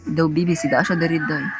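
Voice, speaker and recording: A man's voice: a little high, animated, moderate pace, over music. A man giving campy, sassy commentary on a horror game, breaking into sudden shrieks. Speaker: gaming streamer.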